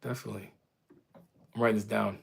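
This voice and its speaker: A man's voice: on the low side, level tone, fast talker, creaky, slight background noise. A man in his thirties from Canada, casually answering viewer questions on a live stream in a loose, friendly way with lots of fillers and restarts. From Windsor, Ontario, Canada. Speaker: fitness streamer answering chat.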